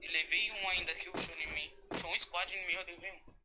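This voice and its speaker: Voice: medium pitch, steady tone, fairly quick. A Brazilian squad gamer making casual callouts in sweary street slang over a noisy voice chat.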